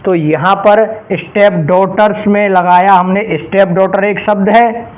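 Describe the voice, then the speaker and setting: Male grammar teacher, high voice, slow deliberate delivery, exam-prep lesson, reads examples out carefully, asks students rhetorical questions. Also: steady tone, rough recording. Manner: explains in Hindi, slowly reading out English example phrases; addresses students directly and checks understanding with rhetorical questions.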